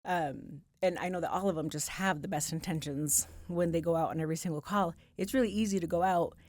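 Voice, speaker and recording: A woman's voice: lowish voice, brisk, darkish tone, no echo. A woman guest on a podcast, talking about her outreach work in a heartfelt, emotionally open way. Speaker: police community outreach coordinator, guest. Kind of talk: casual interview conversation. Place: podcast studio.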